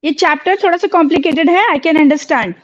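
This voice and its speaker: Woman, teacher, high pitch, stern and firm, code-switching, dull recording. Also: fairly quick. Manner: stern, mixes Hindi and English. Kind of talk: classroom teaching. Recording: dull lo-fi sound.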